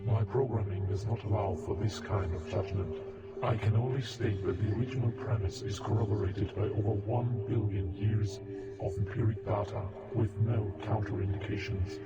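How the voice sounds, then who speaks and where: A too-smooth, emotionless android intelligence brought to life by a man speaks in a flat, measured, mechanical way, his voice sitting a little low. He sounds far from the mic in a roomy, echoing space, under loud music. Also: highs cut off, lightly acted. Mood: detached. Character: cold, overly smooth male AI machine.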